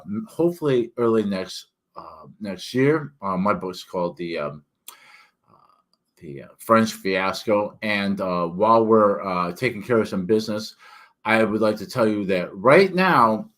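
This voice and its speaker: A man talking casually and haltingly to viewers as an author, his words thick from a swollen tongue and a sore mouth and throat. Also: on the low side. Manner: halting, rambling, self-interrupting. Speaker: author and book reviewer. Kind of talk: casual solo vlog talk.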